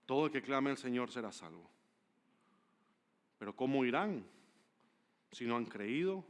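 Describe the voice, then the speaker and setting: A man preaching a sermon as pastor, telling stories with animated emphasis and swinging between loud declarations and hushed asides. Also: medium pitch, a little slow. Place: church service.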